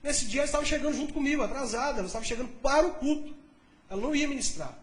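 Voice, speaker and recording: Male pastor, quick lively sermon storytelling, echoey church hall. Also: very high voice. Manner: lively storytelling, addressing the congregation. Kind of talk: sermon testimony.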